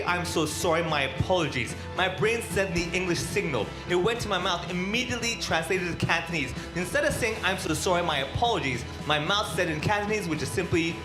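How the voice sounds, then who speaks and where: Roomy stand-up emcee on stage. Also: mid-range voice. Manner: punchy, builds to shouted introductions. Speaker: comedy show emcee. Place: comedy stage in a food court venue. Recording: roomy live venue.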